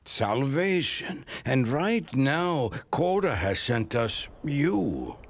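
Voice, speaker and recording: An actor playing a very old, devout and weary village elder in a video game, raspy and solemn, with poetic phrasing. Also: male voice, mid-range voice, sing-song, no room sound, full character voice. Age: older. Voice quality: raspy, gravelly. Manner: solemn, poetic, slow measured delivery.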